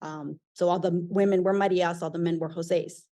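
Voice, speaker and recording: A woman with a somewhat low voice answers a moderator's question on a library author panel. She explains things in a steady, informative way, using the odd filler word. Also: normal speed. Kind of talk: live panel talk at a library event.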